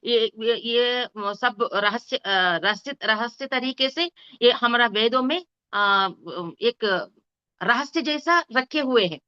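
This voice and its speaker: Woman spiritual teacher, higher voice, slow and hesitant delivery. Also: pushed and bright, clear, resonant tone, muffled recording. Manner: hesitant, restarts, corrects herself. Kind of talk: slow explanatory lesson.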